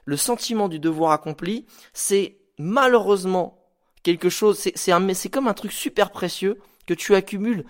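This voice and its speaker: A man hosting a podcast, giving casual motivational advice in an informal, animated way, with slang and the odd swear word. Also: sits high, normal speed. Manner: acts out stories with sound effects. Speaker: podcast host.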